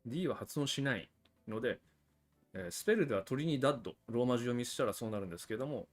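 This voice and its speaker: A man's voice: mid-range voice, lively intonation, quick pace, faint music behind. A man hosting a livestream about cigars, explaining things in a chatty, casual way with frequent asides to viewers. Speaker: cigar channel host.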